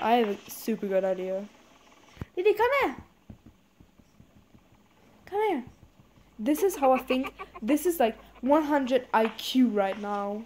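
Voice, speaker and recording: A jumpy, foul-mouthed woman narrates her horror game run out loud, laughing and cursing at every scare. Her voice sits a little high, and the recording carries a steady hiss of noise behind her. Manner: swears a lot, talks to her chat, jumpy and quick to laugh. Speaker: gamer streaming a horror game. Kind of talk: casual gameplay commentary.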